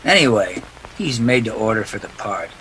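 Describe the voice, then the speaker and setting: An actor playing a tough, wisecracking private detective in a 1940s radio drama, clipped and defiant. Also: male voice, on the low side, sing-song, normal speed, sharp tone, breathy edge, heavily acted, poor audio. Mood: urgent, pressing. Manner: hard-boiled, clipped, defiant. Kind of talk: 1940s radio drama acting with first-person narration.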